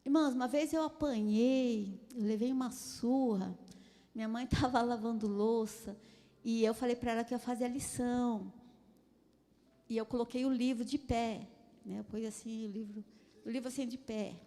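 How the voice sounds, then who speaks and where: A woman with a Brazilian Portuguese accent gives a conversational sermon, sharing personal stories and checking in with her listeners for agreement. Her voice sits a little high, and she laughs often as she talks. A long reverb trails behind her, as in a large hall. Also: steady tone, moderate pace, dark tone. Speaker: church speaker on parenting.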